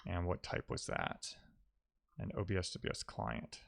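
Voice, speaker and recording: With a deep, creaky, animated voice at a measured pace, a streaming programmer hosts his live-coding session, chatting informally, thinking aloud and reading and replying to chat messages. The audio has no room sound.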